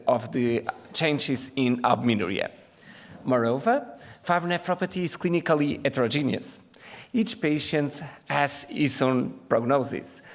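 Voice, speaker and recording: A man from Portugal, a native Portuguese speaker, gives a medical conference lecture in a measured way with frequent "uh" fillers. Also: mid-range voice, creaky. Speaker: invited lecturer, physician. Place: conference hall. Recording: reverberant conference hall.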